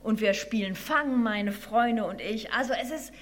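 A tiny, nimble storybook mouse with a high, squeaky voice, full of eager delight, as a woman reading aloud puts her on. She pipes well above the storyteller's own pitch. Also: unhurried, natural voice. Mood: dreamy. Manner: squeaky and bright, enthusiastic. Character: small, cheerful, quick female mouse.

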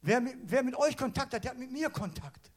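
A man voicing a calm, kindly Jesus, quoted within a casual sermon. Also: extremely high pitch, fairly quick, voice pushed up. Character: calm, kindly male Jesus in a retold story.

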